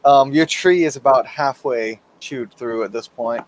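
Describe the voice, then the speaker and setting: A man's voice: mid-range voice, unhurried, a little hiss or hum, low-quality recording. Hesitant man running a tabletop game. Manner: hesitant, many ums. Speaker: game master.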